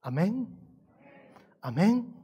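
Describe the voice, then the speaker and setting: Man, pastor, sermon, high-pitched voice, animated storytelling, rhetorical questions. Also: drawn-out words, breathy edge.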